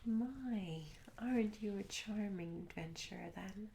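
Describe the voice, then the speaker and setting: In a fantasy ASMR roleplay, a woman plays a charming young tavern maid, speaking a little slowly in a soft, breathy half-whisper at mid-range pitch. She is courteous, coy and curious, using gentle, old-fashioned storybook phrasing. The close ASMR mic captures clear noise and small clicks around her voice.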